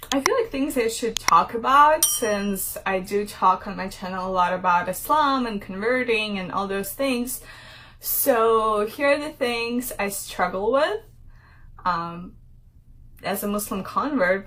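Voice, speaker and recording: A woman's voice: medium pitch, fairly bright tone. A young woman from Ukraine talking casually to her channel in a rambling vlog, with frequent fillers and laughter. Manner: chatty, rambling, laughs often, many fillers. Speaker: vlogger.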